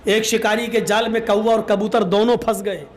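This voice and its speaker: Male comic storyteller with a very high voice, lively, faint noise behind. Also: moderate pace. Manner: lively, acts out quoted voices.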